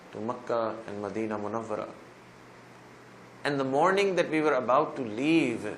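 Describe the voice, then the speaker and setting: A man's voice: mid-range voice, a bit bright, slight background noise. A male preacher giving a sermon, retelling another man's story in the first person and rising to emphatic pleas at its peaks. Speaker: Islamic preacher.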